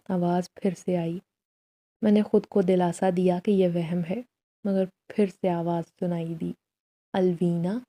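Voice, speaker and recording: A woman narrating a first-person horror story as a storyteller, in a slow, measured, solemn way. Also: fairly low pitch, warm tone.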